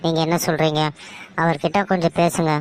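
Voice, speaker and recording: A woman's voice: low-pitched, flat delivery, brisk, darkish tone, a little hiss or hum, natural voice. A woman voicing a polite, earnest young wife and daughter-in-law in a cartoon story, with a Tamil Nadu accent.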